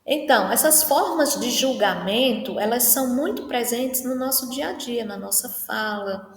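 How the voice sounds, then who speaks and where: A woman lectures a class, her voice sitting a little high. She explains patiently and keeps checking in with short questioning tags. The sound rings out in a roomy hall with a long, trailing reverb. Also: moderate pace. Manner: explanatory, often ending phrases with a questioning tag.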